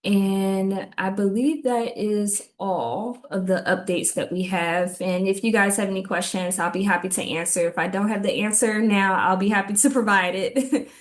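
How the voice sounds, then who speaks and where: Woman giving a halting meeting update. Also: medium pitch, fairly even intonation. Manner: halting, many ums, reads list of items. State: slightly out of breath. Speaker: city government liaison giving community updates.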